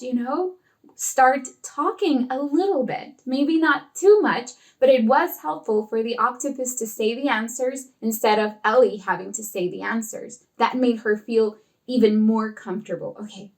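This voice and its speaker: A woman who tutors children online, sharing casual teaching tips and acting out classroom dialogue. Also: sits high. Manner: expressive, acts out classroom dialogue.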